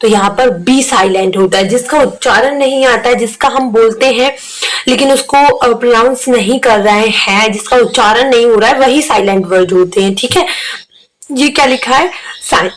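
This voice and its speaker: A woman teacher, going through an exam revision lesson and explaining each word slowly. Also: on the high side, poor audio.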